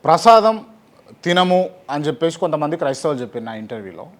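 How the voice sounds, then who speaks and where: A man's voice: fairly high pitch, sing-song, fast. A man interviewing a guest, giving short prompts and pointed questions. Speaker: journalist interviewer. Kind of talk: interview questions and brief acknowledgements.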